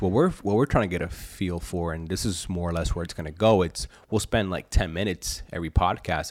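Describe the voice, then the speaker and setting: A man from Colombia co-hosting a podcast in casual chat, relaxed and full of "you know" fillers. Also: low voice, dry recording. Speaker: podcast co-host.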